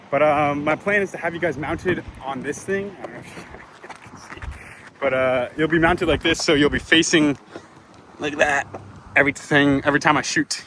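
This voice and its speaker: A man vlogging outdoors at a racetrack on a handheld camera, talking in awestruck, excited bursts and sometimes out of breath. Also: a little high, background noise. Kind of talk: excited walk-around vlog.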